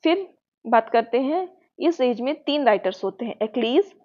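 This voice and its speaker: A woman's voice: fairly high pitch, expressive, moderate pace, a little mellow. A woman with an Indian accent giving an exam-prep lecture, explaining patiently and checking in with her students often. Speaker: teacher. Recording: muffled lo-fi sound.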